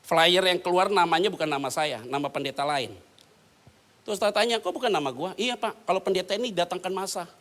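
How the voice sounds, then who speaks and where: Man, pastor preaching, high pitched, bright tone, animated, joking, slangy. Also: brisk. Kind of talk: lively sermon. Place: church.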